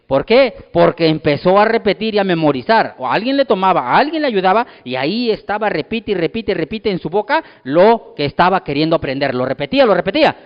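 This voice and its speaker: A pastor preaching a sermon, emphatic and repetitive, firing rhetorical questions at the congregation. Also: male voice, high-pitched, sing-song, fairly quick, hardly any pauses. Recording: dull lo-fi sound with long hall reverb.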